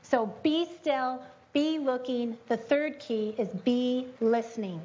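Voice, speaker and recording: A woman giving a chatty, animated devotional teaching, breaking into spoken prayers to God. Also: slow pace. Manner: chatty and animated, prays aloud with rising pitch. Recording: dull lo-fi recording.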